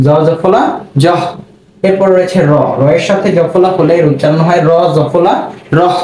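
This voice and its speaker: A man's voice: sits high, a little mellow. A man teaching a spelling and pronunciation lesson, saying each sound twice and asking the listener questions. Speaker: Bengali language teacher. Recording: roomy with faint background noise.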